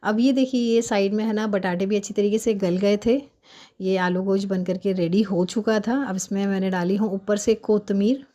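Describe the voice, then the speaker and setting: A woman doing a hurried, chatty cooking voice-over while fasting, explaining each step at home. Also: medium pitch, fairly even intonation, dark tone. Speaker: home cook vlogger.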